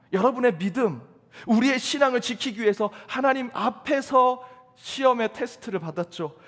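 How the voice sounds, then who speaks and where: A pastor delivers a sermon in an emphatic, questioning style, his voice high for a man. The church sanctuary's long reverb lets each phrase trail off into the hall.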